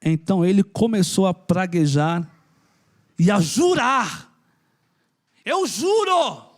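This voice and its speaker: High-voiced, lively preacher. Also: male voice, a little slow. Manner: conversational, emphatic, joking with the congregation. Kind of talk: sermon.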